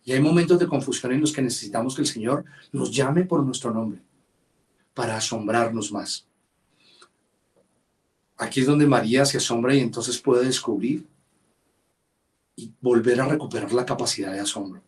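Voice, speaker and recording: A male pastor preaching a sermon, quoting scripture and acting out the voices with expressive emphasis. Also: mid-range voice, moderate pace, pauses often, recorded from a distance. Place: church service livestream.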